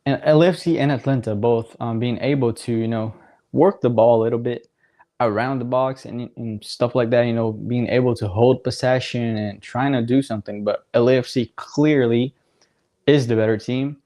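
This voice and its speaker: A man's voice: mid-range voice, moderate pace. A young man casually talking over a soccer match on his livestream, rambling with lots of fillers and little laughs. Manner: relaxed, rambling, filler-heavy, laughs often. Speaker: livestream watchalong host. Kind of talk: casual live commentary.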